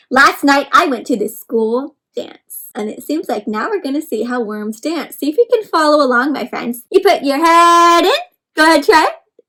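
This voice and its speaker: A woman's high, fairly bright voice carries a picture book read-aloud for young children. Encouraging like a teacher, she addresses them directly, asking questions and breaking down words simply.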